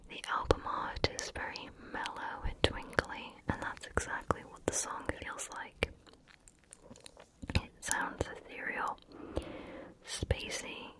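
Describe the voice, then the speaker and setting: Female ASMR host, hushed ear-close whisper throughout, breathy and unvoiced, casual chatty delivery. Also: slow pace, poor audio. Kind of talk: whispered ASMR chat about favorite music.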